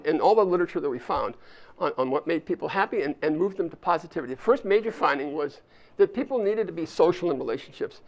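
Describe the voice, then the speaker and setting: An older man giving a chatty leadership talk to a live audience, walking them through a hands-on exercise. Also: high-pitched. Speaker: speaker at an alumni volunteer summit. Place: university event space with a live audience.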